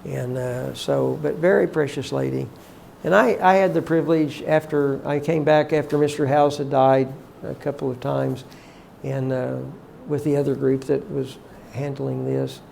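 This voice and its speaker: An older man, a college teacher, reminiscing about former staff in a heartfelt, halting way, often emotional and prayerful. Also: mid-range voice, fairly even intonation, gravelly, a little mellow, a little hiss or hum.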